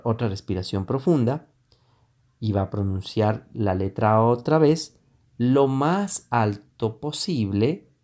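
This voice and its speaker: A man teaching a lesson on public speaking, explaining voice exercises deliberately with frequent pauses and fillers. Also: fairly low pitch, a little mellow. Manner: slow, deliberate instruction with hesitant fillers; demonstrates vocal exercises with sustained vowels. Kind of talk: voice training lesson.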